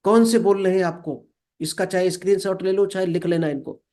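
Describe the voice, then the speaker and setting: A man giving a motivational talk. He reads each English line slowly, then explains it, and often calls the listener friend. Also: high voice, steady tone, darkish tone. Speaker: motivational speaker.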